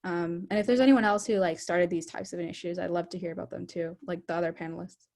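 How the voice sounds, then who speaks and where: A woman's voice: on the low side, steady tone, fast talker, darkish tone. A young woman in her twenties, a product manager speaking on an online panel, who fills her speech with "like" and stumbles now and then.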